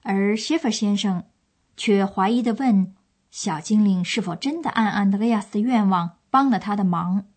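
A woman presenter reads scripted narration for a language course. Her mid-pitched voice explains and retells a story for listeners. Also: normal speed, darkish tone.

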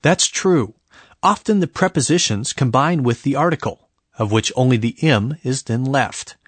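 A man delivers a scripted language lesson as a professor. His medium-pitched voice is husky and measured, explanatory in tone, recorded very dry. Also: animated, dry recording.

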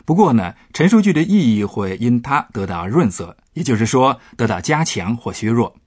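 Lively-voiced male professor explaining grammar. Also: medium pitch, normal speed, husky, no room sound. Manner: patient, explanatory. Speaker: professor explaining German on a radio lesson. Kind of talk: radio language lesson.

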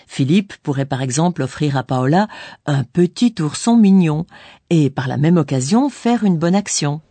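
A woman narrating a scripted language course in a didactic way, pausing on key words. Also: sits low, animated, dark tone, dry recording. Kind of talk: scripted bilingual explanation.

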